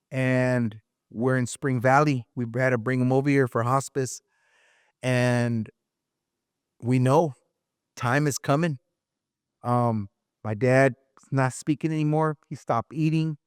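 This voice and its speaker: A man's voice: medium pitch, fairly even intonation, slow pace, long pauses, clear, resonant tone, no room sound, clean studio sound. A man, co-hosting a podcast and sharing a personal testimony in an emotional way, repeating phrases and saying "bro" often. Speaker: podcast co-host. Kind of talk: casual chat, personal testimony.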